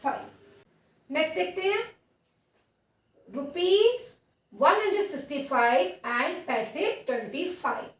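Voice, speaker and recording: A woman teacher with an Indian accent, patiently dictating a maths lesson to young children, repeating each word slowly. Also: high-pitched, expressive, a bit bright. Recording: echoey room, voice from far off.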